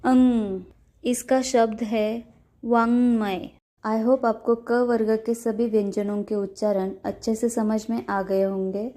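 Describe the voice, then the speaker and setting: A young woman teaching a language lesson, spelling out syllables one at a time with careful, clear pronunciation. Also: medium pitch, warm tone.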